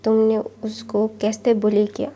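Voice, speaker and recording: A stern, protective older brother questioning someone in a story reading, played by a woman narrator. The voice is dark and mellow, with little movement in pitch. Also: monotone, measured pace.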